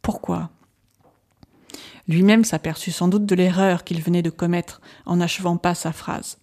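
A woman narrating a novel aloud in a measured, steady reading voice. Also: on the low side. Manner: measured, even reading of a doctor's journal. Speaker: audiobook narrator. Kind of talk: scripted narration.

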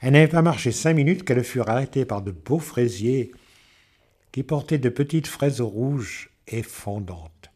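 Calm male storyteller for a children's tale, warm mellow tone. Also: mid-range voice, normal speed, husky. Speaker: narrator. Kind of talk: storybook reading.

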